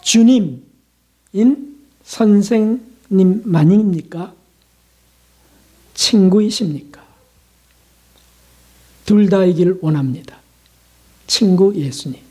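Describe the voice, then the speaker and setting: A man's voice: high-pitched, slow pace, long pauses, mellow. A male pastor giving a sermon in a conversational way, asking rhetorical questions and acting out short prayers and dialogues.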